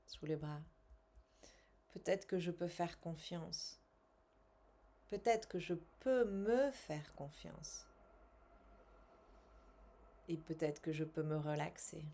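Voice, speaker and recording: A woman leads a gentle tapping session at an unhurried pace. Her voice sits low with a gravelly fry, and she repeats calming phrases with slow, deliberate breathing cues.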